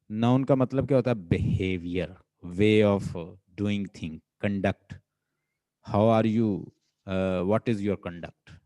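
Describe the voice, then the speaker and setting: A Pakistani man gives a classroom lecture in a low, mellow voice. He speaks at a very unhurried pace and keeps asking his students questions. The sound is dry, with no room echo. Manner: drills students with repeated questions. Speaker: linguistics teacher. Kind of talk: classroom lecture mixing Urdu and English.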